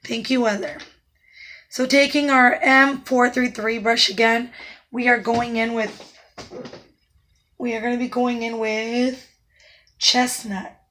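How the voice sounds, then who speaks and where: Speaking slowly and pausing often, a woman gives a calm, instructive makeup tutorial as a makeup artist, with soft asides scattered throughout. She is hoarse, her naturally raspy, slightly high voice fading in and out.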